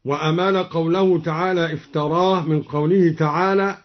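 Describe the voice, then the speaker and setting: A man teaching Quran reading variants in a measured, deliberate way, switching between plain explanation and chanted verses, from an old radio recording. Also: a little high, steady tone, muffled recording.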